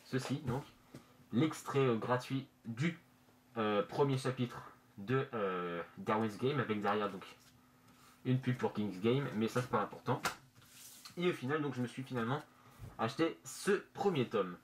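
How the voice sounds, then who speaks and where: A man presenting casually in a halting, hesitant way, his voice slightly muffled through a face mask in a bedroom. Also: mid-range voice. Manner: hesitant, halting, searching for words. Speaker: manga review vlogger. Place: bedroom, indoors. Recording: noisy amateur room recording.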